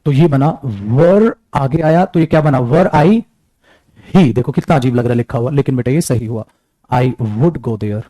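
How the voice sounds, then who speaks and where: A man teaching an English grammar class, talking lively and calling his students beta as he mixes English terms into his talk. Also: medium pitch, normal speed, dry recording. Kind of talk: classroom lecture.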